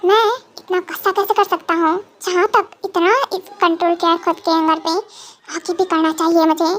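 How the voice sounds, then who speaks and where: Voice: very high-pitched, level tone, normal speed, fairly bright tone, a little hiss or hum. A reader voicing a vengeful, possessive young male mafia boss in an amateur fan dub, talking in a brooding, threatening way. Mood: anxious bossy. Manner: brooding, threatening, then fussing.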